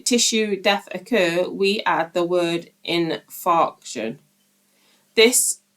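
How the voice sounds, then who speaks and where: A woman hosting her channel, reading a book aloud at a steady pace and breaking off now and then for informal asides to her viewers. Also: on the low side.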